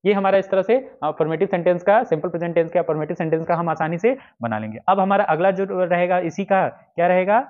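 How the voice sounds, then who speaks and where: A man's voice: a little high, a little mellow. A man teaching an exam-prep grammar lesson, explaining step by step and repeating his own questions as he writes out the examples. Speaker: English teacher. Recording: dull lo-fi lesson recording.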